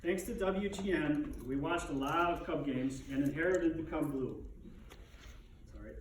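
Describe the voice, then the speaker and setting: A man with a slightly high voice reads a prepared eulogy for his father. His grief is dignified and held in, lightened by wry, fond humor. He sounds distant from the microphone, in a very echoey room. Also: normal speed, a little hiss or hum. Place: echoey room, speaking to a gathering.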